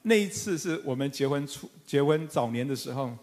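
A middle-aged man pastor preaching a sermon, animated and fervent, with humorous asides to the congregation. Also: medium pitch, a little fast. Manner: animated, rising to fervent emphatic calls. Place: church sanctuary with congregation. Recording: long church hall reverb.

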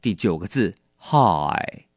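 A man with a Taiwanese Mandarin accent teaching English vocabulary, explaining patiently and repeating each word slowly. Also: low voice, very animated, no echo, clean studio sound. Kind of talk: vocabulary lesson.

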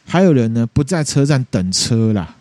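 A man hosting a podcast, telling urban legends in an animated way with lots of fillers. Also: mid-range voice, moderate pace, no room sound. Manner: animated storyteller with many fillers. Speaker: podcast host.

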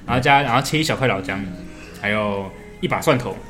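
A man's voice: medium pitch, fast. A man with a Taiwanese accent explaining something step by step in casual chat, blunt and slangy, often repeating himself. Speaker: podcast speaker explaining a recipe. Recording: music playing behind the talk. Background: music.

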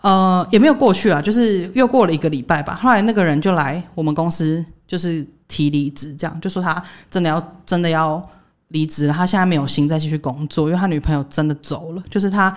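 A young woman, co-hosting a podcast and telling a workplace story in casual chat. She acts out what others said, jumping up in pitch for the quotes. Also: fast. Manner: animated retelling, voicing others' quotes with jumps in pitch. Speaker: podcast co-host.

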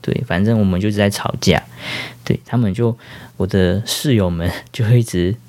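A man's voice: lowish voice, fairly even intonation, normal speed, darkish tone. A man, hosting a podcast and telling a casual, rambling story full of fillers and self-corrections. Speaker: podcast host.

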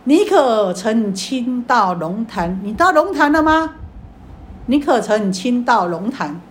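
A woman voicing an old male Zen master who asks slow, probing questions in a Buddhist teaching story. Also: on the high side, a little mellow, a little hiss or hum, natural voice.

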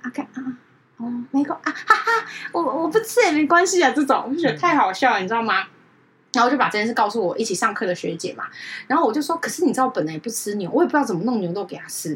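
A woman, telling a story in casual chat as a podcast co-host and often checking in with her listener. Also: very fast. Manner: animated, keeps asking "you know?"; jumps into high-pitched voices when quoting others.

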